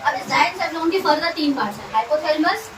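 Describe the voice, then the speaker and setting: A high-pitched woman teaches a classroom lesson, asking questions and drawing terms out slowly for students to repeat. She is heard from a distance in an echoey room with noticeable background noise. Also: animated. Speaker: science tutor. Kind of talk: classroom lesson with call-and-response drilling.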